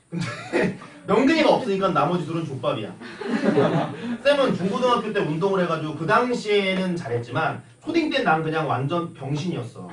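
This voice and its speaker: A young male math teacher talks to his class in a lively, joking way, his voice bouncing up and down and acting out sounds as he goes. He is picked up from far off in an echoey classroom with noise behind him. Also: on the high side. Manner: animated, joking, acts out sounds and quoted voices. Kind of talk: classroom lecture with storytelling.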